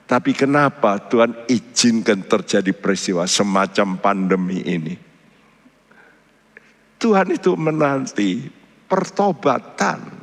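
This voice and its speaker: Slow-preaching pastor in a hall. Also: male voice, expressive. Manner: emphatic, with sudden pitch jumps on key words. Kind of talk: sermon. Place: church. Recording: reverberant church hall.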